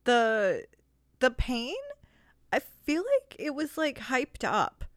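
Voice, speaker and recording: A young woman in casual chat, talking quickly in loose, laughing stretches full of "like". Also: high-pitched, very animated, dry recording, clean studio sound. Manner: chatty, laughing, lots of "like".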